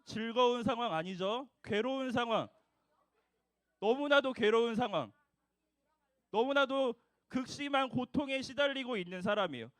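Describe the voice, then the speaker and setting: High-voiced man preaching to children. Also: normal speed, no echo. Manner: animated, asks the children questions and has them repeat after him. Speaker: junior preacher for a children's service. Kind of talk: children's sermon.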